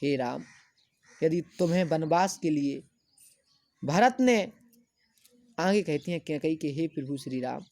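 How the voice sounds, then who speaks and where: A woman teaching a Hindi poem to students, reciting verse lines slowly and then explaining what each word means. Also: low voice, expressive, darkish tone, dry recording.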